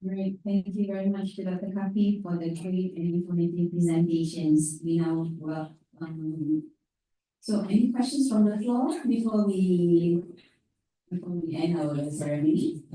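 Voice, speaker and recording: A woman's voice: on the low side, unhurried, dark tone. Very echoey Malaysian woman hosting an event. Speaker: event emcee. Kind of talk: event hosting and informal explanation. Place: meeting room. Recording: very echoey room, distant microphone.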